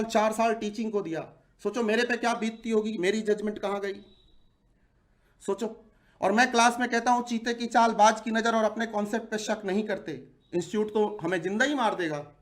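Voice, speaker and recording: A man's voice: sits high, fairly even intonation, normal speed. A man of forty, an exam-prep teacher, giving an impassioned video address to viewers, indignant and full of rhetorical questions. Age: 40s.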